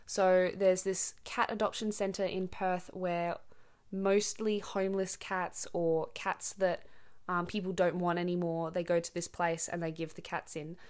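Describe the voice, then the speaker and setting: Young woman, slightly low voice, chatty podcast host who rambles and explains words simply. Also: level tone, measured pace, smooth. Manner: rambling, many ums and self-corrections. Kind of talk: casual chatty monologue.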